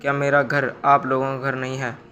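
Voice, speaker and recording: A man voicing a caring young married daughter in a storybook tale, read in an even, flat manner. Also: medium pitch, normal speed, close to an everyday voice. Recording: music bed underneath. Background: music.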